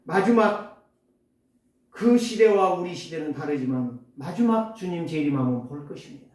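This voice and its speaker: Male pastor, emphatic sermon full of rhetorical questions, lively swooping delivery, heard from a distance in a booming hall. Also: moderate pace. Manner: emphatic, rhetorical questions, sudden loud and soft swings. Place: church sanctuary. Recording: echoey church hall, distant mic.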